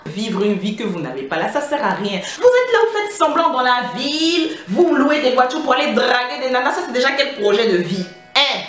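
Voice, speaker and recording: Sassy woman telling a storytime, animated pitch. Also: brisk, few pauses, reverberant. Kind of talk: casual storytime monologue.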